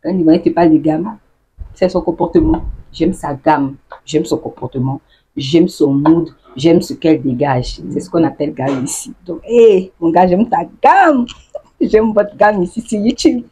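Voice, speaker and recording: A woman speaks to her viewers in a relaxed, chatty vlog. Her voice is low and breathy. She laughs often and acts out the sayings she explains. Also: normal speed. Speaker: YouTuber explaining local slang.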